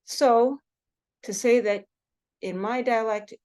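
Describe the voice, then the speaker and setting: A woman from Seattle with a US West Coast accent, giving a relaxed recorded lecture with many fillers and slowing down on example words. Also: on the high side. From Seattle, Washington State, US West Coast. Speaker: teacher.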